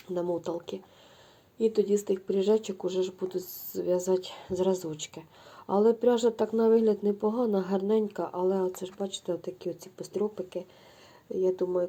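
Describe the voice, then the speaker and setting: Chatty gravelly-voiced woman vlogging yarn. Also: mid-range voice, dark tone. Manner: chatty, effusive, addresses viewers as girls. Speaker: knitting vlogger. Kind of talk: casual show-and-tell chat.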